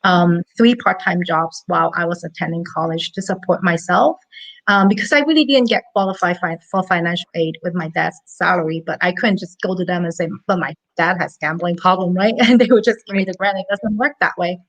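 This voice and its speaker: A woman's voice: on the low side, a little fast, poor audio. A woman in her thirties from Hong Kong, a money coach telling her story as an interview guest in an earnest, chatty way. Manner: earnest, chatty, with light laughs.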